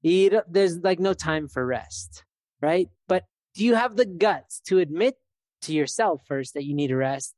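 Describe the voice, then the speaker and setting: A man's voice: on the high side, a little mellow, no echo, clean studio sound. Rambling, reflective man in his thirties. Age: 30s. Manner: reflective, loose and rambling with many fillers. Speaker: podcast co-host. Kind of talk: casual chat.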